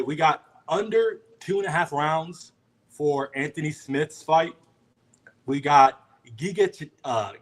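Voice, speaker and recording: A man calling in to a betting show, slangy, confident and jokey. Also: mid-range voice. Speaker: caller. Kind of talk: casual chat.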